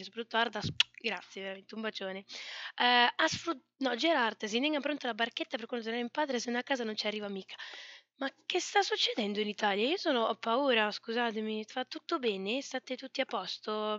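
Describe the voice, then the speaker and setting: A young woman streaming live, chatting casually and thanking subscribers, with a hoarse, tired voice. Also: fairly high pitch, fairly quick, bright, forceful tone, dry recording, highs cut off. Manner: chatty, playful, swears casually. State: hoarse, losing her voice. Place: corner of a hotel room, people nearby. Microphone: desk mic, no headphones.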